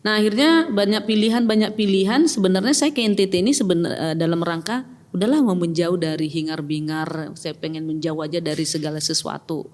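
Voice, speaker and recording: Her voice sits on the low side, a little mellow and fairly quick. She's a middle-aged Batak woman from North Sumatra with a Batak accent, guesting on a podcast and recounting her own experiences in a casual chat, hesitant and thoughtful, often using fillers and restarting sentences. Faint music plays under a long reverb.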